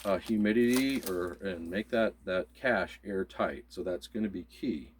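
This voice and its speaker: A man with a low, husky voice talks through supplies in a relaxed, casual chat. He explains each item step by step in an easygoing manner. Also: unhurried, no echo. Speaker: co-host of a prepping channel.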